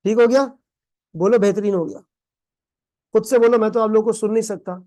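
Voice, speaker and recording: A man from Pakistan tutors accounting in a recorded exam-prep lecture, his high-pitched, warm, mellow voice a little fast and fairly even in intonation. He calls his students "beta", fires call-and-response questions at them, and repeats their answers. English terms pepper his playful everyday examples.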